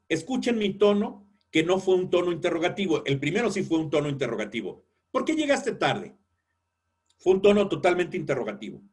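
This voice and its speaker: A man lecturing in a webinar on editorial writing, explaining clearly and acting out example sentences. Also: fairly high pitch.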